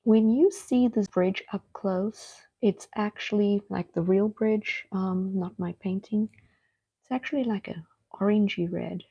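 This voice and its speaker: A middle-aged woman talks directly to her viewers as she paints, chatty and unhurried. Her pace is slow and easy, and her voice is mellow and soft. The live-stream audio sounds dull and lo-fi. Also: medium pitch, breathy edge. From Cape Town, South Africa. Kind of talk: casual live-stream chat while painting. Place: home art studio.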